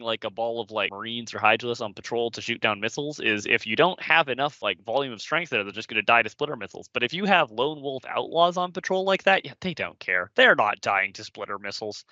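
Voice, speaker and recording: A man's voice: medium pitch, sharp tone, no room sound, highs cut off. A man talking through video game strategy in long, detailed explanations full of fillers and restarts, in a casual panel discussion.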